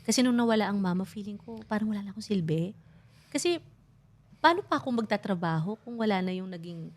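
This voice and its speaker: A woman's voice: medium pitch, expressive, fast talker. Candid, reflective woman mixing in English. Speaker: podcast guest. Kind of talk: emotional casual chat.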